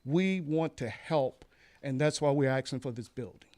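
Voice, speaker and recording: A pastor earnestly addresses a town council meeting during public comment, repeating key phrases and using some fillers. His mid-range voice has a darkish tone and a normal speed.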